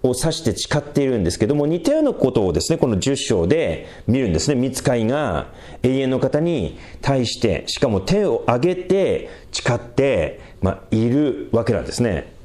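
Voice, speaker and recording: A male pastor giving a verse-by-verse Bible teaching sermon, explaining patiently with many fillers and small self-corrections and reading scripture aloud slowly and with emphasis. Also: medium pitch, sing-song, warm tone.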